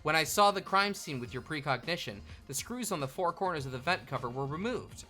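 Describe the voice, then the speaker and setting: An earnest young male detective played by a woman reasons things out with determination. The voice is low for a woman, bright and animated, in game fan dub style. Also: fairly quick, soft background music. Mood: earnest, determined.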